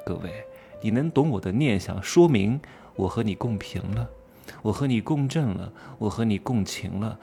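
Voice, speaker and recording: Gravelly low-voiced man, provocative monologue. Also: darkish tone. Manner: provocative, rhetorical questions, teasing. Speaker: self-styled commentator. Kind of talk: casual monologue commentary.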